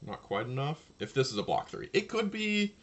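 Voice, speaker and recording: A man casually commentating his own card game match, thinking aloud and talking to his opponent, his voice low and slightly gravelly. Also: very animated, moderate pace, fairly bright tone.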